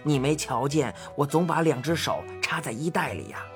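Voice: medium pitch, lively intonation, normal speed, faint music behind, voice pushed down, close to an everyday voice. A storyteller voicing a cheeky, fearless eccentric old man who banters in colloquial speech. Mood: teasing.

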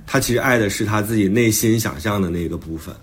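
An author who also hosts a podcast talks about his own book in a casual, reflective conversation, explaining his thinking. His voice is on the low side and slightly rough, and he talks fast. Music plays in the background of the recording.

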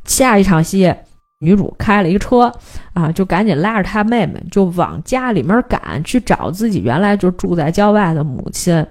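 A woman, hosting a casual film podcast and retelling a plot in lively detail. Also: fairly low pitch, normal speed. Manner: animated storytelling, briefly mimics characters' lines.

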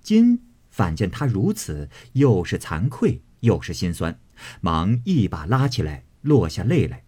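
A man narrating a classic novel as an audiobook in an expressive storytelling manner. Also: sits low, measured pace, breathy edge.

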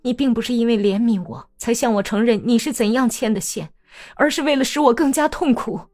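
A woman's voice: fairly high pitch, brisk, a little mellow, soft background music, pitched above the performer's own voice, natural voice. A woman voicing a hurt young wife who speaks in a subdued, cold, strained way in an audiobook.

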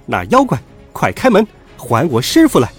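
A man voicing a brash, fiery male monkey king who shouts his commands loudly in a storybook reading. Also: fairly high pitch, wildly swooping pitch, moderate pace, breathy edge, faint music behind, full character voice. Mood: shouting angrily.

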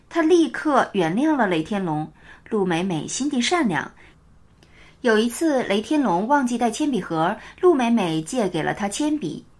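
A woman narrating a children's picture-book story in a lively, scripted storytelling style. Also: fairly high pitch.

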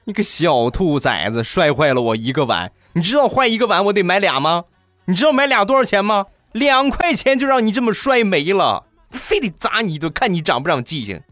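A man's voice: mid-range voice, very animated, moderate pace, hardly any pauses, fairly bright tone, no echo, soft background music. A man voicing a stingy middle-aged mother who shrilly scolds her son in a comic story. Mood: scolding.

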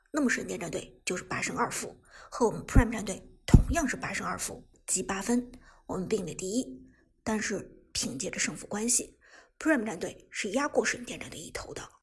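A woman doing a calm, quiet young man. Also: husky. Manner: soft, measured, low. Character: calm composed young man, team leader.

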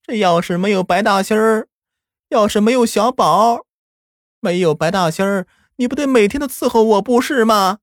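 A man voicing a stubborn old village grandmother who speaks slowly and firmly. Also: sits high, no echo, clean studio sound, pitched above the performer's own voice, natural voice. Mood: stern. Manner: slow, drawn-out and firm.

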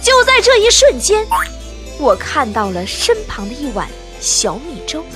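A woman's voice: high voice, wildly swooping pitch, unhurried. A woman with a Northeastern Chinese accent delivering a theatrical comic monologue in an exaggerated, melodramatic way. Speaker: comic storyteller. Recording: music and audience noise behind. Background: music, crowd.

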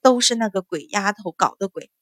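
In an audiobook reading, a haughty and scheming noble stepmother snaps her lines sharply and with indignation, as a woman narrator puts her on. Her voice sits at an ordinary middle pitch. The recording is dry and close, with no room sound. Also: animated, brisk, fairly bright tone, dry recording. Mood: indignant.

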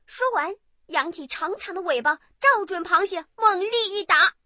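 A woman narrating a bedtime story for children in an expressive, animated way. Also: extremely high pitch, moderate pace, no echo.

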